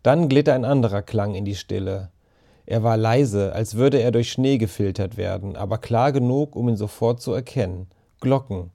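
A man narrating a story in a calm, measured audiobook reading. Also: on the low side, creaky.

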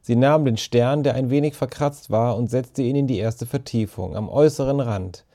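Brief: male audiobook narrator, mellow tone, measured storytelling. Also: medium pitch.

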